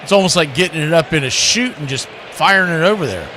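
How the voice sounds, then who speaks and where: Fast and expressive, a man with a slightly high voice announces a baseball game play by play on live radio, his wording folksy and colorful. The outdoor ambience behind him comes through clearly.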